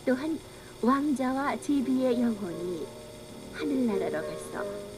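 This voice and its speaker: A woman reading scripted children's storybook narration in a measured, earnest manner on an old cassette. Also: on the high side. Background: music.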